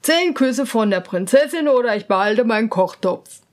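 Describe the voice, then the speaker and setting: A woman's voice: fairly high pitch, expressive, normal speed, close to an everyday voice. A woman voicing a cunning young prince disguised as a swineherd, blunt and stubborn. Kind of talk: storybook reading.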